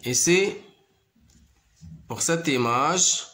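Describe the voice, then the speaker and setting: A man teaching a primary school French lesson, repeating each word slowly, counting syllables and explaining in Arabic. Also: a little high, sharp tone. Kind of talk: slow classroom reading lesson.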